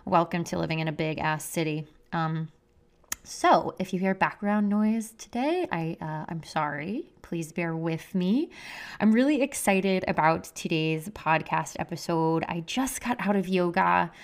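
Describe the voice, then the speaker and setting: Woman host, low and gravelly, gushy chat, muffled under a blanket at home. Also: unhurried. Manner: upbeat and gushing, with many "like" fillers. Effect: muffled, recorded under a blanket. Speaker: podcast host and health coach. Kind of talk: casual solo podcast monologue. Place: living room at home. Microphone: podcast mic under a blanket.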